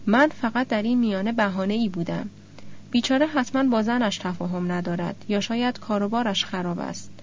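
A woman voicing a calm, kindly young male hotel clerk in an audiobook, speaking in a measured way. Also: medium pitch, dull audio, a little hiss or hum, natural voice.

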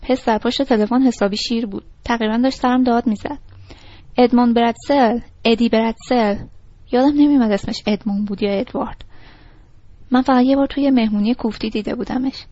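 A woman's voice: fairly high pitch, warm tone, dry recording. A woman reading a first-person audiobook narration in a casual, slangy, confiding storytelling manner. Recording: dull lo-fi recording.

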